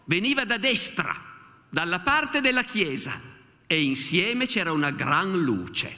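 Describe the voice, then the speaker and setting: A man in his sixties from Italy giving a public history lecture at a festival, telling the story in a lively way and quoting witnesses with animated asides. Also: high voice, unhurried. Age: 60s. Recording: long hall reverb.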